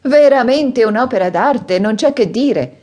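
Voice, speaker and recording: A woman's voice: medium pitch, lively intonation, normal speed, a little mellow, voice pushed up, natural voice. A woman reading an audiobook voices an enthusiastic male lawyer who exclaims with delight.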